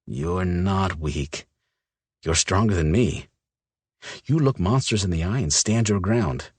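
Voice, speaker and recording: Man doing a gruff tormented werewolf guy, super deep, husky, low and tight. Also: animated, slow pace, no echo, full character voice. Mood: tender. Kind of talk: audiobook character voice.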